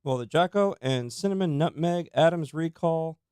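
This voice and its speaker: A man's voice: a little high, moderate pace, darkish tone, smooth, no echo. A man hosting a casual podcast, talking in laid-back slangy banter with his guests. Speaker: podcast host. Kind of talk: casual chat. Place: small studio room with guests.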